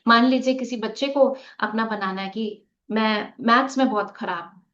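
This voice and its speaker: A woman with a fairly high, somewhat bright voice leads a live online meditation lesson at a moderate pace. She guides the class through a group activity, asks them rhetorical questions, and mixes English words into her speech. The video-call audio sounds muffled.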